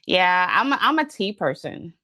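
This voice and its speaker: A woman's voice: lowish voice, normal speed, no echo, studio quality. A woman from the Bahamas hosting a podcast, chatting casually and repeating phrases for emphasis. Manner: animated, repeats phrases, says y'all. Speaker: podcast host.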